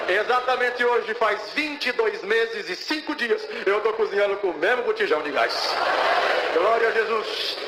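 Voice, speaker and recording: In an echoey church hall with faint ambience and a noisy background, a young adult Brazilian man testifies passionately. His high-pitched voice runs at normal speed with few pauses, and he often stops to praise God.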